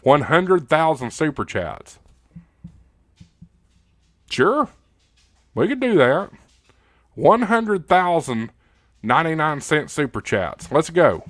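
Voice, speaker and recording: Speaking slowly and pausing often, an American livestream host uses a slightly high voice with big swings in pitch, and there's no echo. He reads viewer comments and chats with them in an informal, folksy, joking style.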